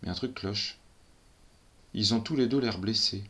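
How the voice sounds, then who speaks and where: A man's voice: on the low side, measured pace, sharp tone. A man reading a first-person story aloud in a tense, breathless storytelling manner. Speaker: narrator.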